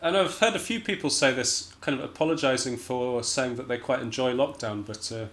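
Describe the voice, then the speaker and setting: A Scottish jazz pianist and musician talks casually as an interview guest, sounding hesitant, understated and self-deprecating. His medium-pitched voice is a bit bright and fairly quick.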